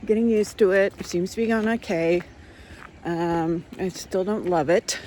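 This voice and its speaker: Chatty low-voiced woman podcaster. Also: mellow, a little hiss or hum. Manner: chatty and unhurried, with frequent ums. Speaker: podcast host. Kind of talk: casual chat. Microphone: phone.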